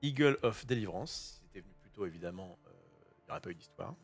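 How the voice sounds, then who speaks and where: A man hosting a casual card-opening session in his kitchen, chatty and excitable, thinking aloud and using casual slang. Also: fairly low pitch, fast, slightly rough, soft background music. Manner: self-interrupting, thinking aloud. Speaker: host opening trading card boosters. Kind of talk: casual unboxing commentary. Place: home kitchen.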